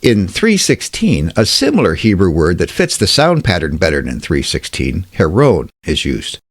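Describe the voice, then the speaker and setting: A man giving a scripted Bible study talk, measured and emphatic, slowing down to stress key words. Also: low-pitched, huge pitch swings, slightly rough, no echo, clean studio sound. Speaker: Bible teacher.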